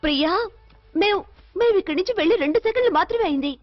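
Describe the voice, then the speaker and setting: A doubting young friend talks in a very high, rapid voice. She keeps questioning. The film audio is muffled, with music behind. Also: lively intonation. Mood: doubtful. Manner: quick, questioning. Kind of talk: Telugu film dub. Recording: dull film soundtrack with music.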